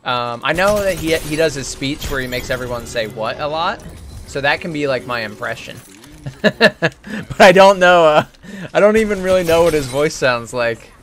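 A man's voice: fairly high pitch, expressive, moderate pace. A man streaming a video game and chatting casually, full of joking, rambling banter. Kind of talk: casual gaming stream chat.

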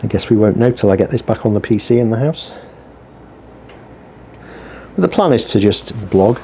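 Fairly low and warm, his voice is expressive and moves at a normal speed, with slight background noise. He's a small business owner making a casual workshop vlog, rambling with dry, self-deprecating wit as he works at the bench. A heater runs in the background, and the mic lies on the bench below.

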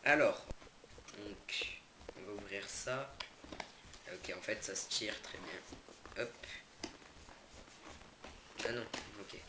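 A man's voice: fairly low pitch, extremely slow, pauses often. A young man casually unboxing products for his channel, hesitant with many fillers and self-corrections, indoors away from home. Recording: echoey room, noisy background. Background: crinkling packaging and clicks.

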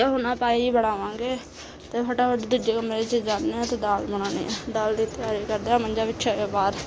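Animated high-voiced Punjabi woman, noisy recording. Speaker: vlogger. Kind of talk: casual home vlog chat. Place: at home, moving between rooms. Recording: noisy handheld home recording.

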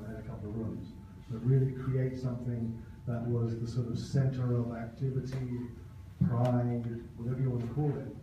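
A middle-aged man with a mellow, medium-pitched voice earnestly presents a plan he designed at a town hall in a large indoor meeting room. He speaks into a handheld mic, but the recording is taped from far off in a dull, echoey hall with slight background noise.

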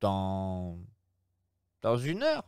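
A man reading aloud and voicing an impetuous, playful young gentleman traveler with a raised voice. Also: deep voice, huge pitch swings, extremely slow, clean tone, no room sound, studio quality, exaggerated voice. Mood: lively. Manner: exclamatory, playful.

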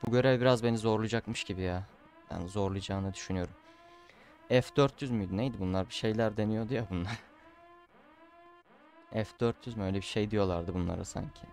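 A man's voice: fairly low pitch, quick pace, pauses often, a little mellow. A man doing casual gameplay commentary, chatting to viewers and often getting frustrated. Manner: chatty, frustrated outbursts, calls the audience "abi". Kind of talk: casual Let's Play commentary.

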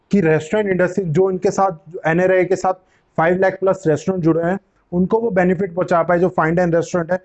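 A young man with a high, slightly mellow voice hosts his own channel, explaining things casually to the camera from a living room. He wears a lapel mic, gestures with both hands, and repeats phrases as he goes, and the audio sounds dull.

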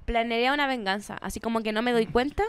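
A Chilean woman co-hosting a podcast, blunt and expressive, swearing freely in casual chat. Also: on the high side, fast, a crowd in the background. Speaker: podcast co-host.

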